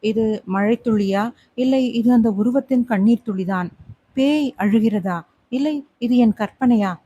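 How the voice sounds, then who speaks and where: Audiobook: woman narrator voicing timid young wife, mellow, close and dry. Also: a little high, a little slow, husky, no echo, highs cut off. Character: young anxious newlywed wife, gentle. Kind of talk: audiobook character voice.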